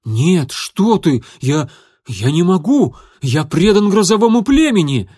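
A man's voice: sits high, big pitch swings, unhurried, dark tone, husky, dry recording, clean studio sound, pitched above the performer's own voice, full character voice. A man voicing a nervous, cowardly young tomcat who stammers when he gets flustered. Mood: panicked.

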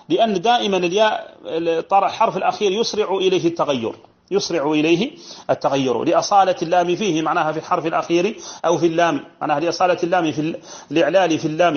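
A man's voice: fairly high pitch, very fast. A man teaching a lesson in morphology. He explains a verse text step by step, repeats key phrases and drops in colloquial asides. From Mauritania. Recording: dull lo-fi lesson recording.

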